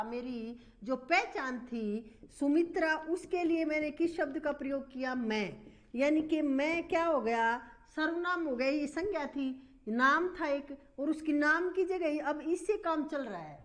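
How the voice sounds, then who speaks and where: High-voiced woman teaching grammar. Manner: explains step by step, repeatedly asking and answering her own questions. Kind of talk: classroom grammar lesson.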